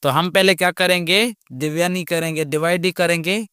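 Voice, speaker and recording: A man teaching a step-by-step math lesson, explaining slowly and patiently and often checking that students follow. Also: sits high, steady tone, pushed and bright, clean tone, no room sound, clean studio sound. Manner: slow, patient explaining with repeated check questions. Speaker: math teacher, channel host.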